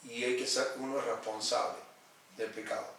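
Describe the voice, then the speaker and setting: A man's voice: medium pitch, steady tone, moderate pace, gravelly, a bit bright. A man, a pastor, teaching a Bible study in an earnest, explanatory way, repeating his key points. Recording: echoey room, distant mic, faint noise.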